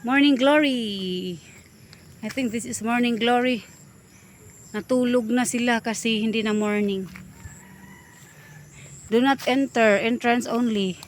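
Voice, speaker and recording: A woman's voice: on the high side, slow pace, pauses often, slight background noise. A woman from the Philippines with a Cebuano accent, out of breath and chatty, exclaiming at sights as she walks uphill filming a vlog outdoors on a phone. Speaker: vlogger. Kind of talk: casual walking vlog. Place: outdoors on a hillside path.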